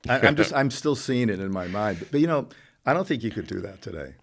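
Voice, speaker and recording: A male host prompts his guest and chuckles at the story. His lowish voice has a gravelly edge and a lively, swooping pitch. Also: fast talker. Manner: encouraging listener, laughs along, short interjections. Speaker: show host. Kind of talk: casual interview chat.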